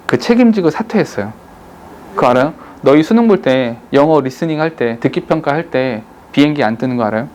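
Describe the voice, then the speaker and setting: Male English teacher, lively up-and-down delivery, slightly high voice, jokey and direct with his class. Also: a little hiss or hum. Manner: animated, jokey, addresses students directly. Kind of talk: classroom lecture.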